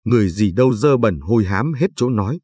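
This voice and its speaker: A harsh, scornful woman who owns a restaurant and barks orders at her worker, read by a man in a husky voice. The sound is dry and close. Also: lowish voice, expressive, brisk, a little mellow, no echo. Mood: bossy.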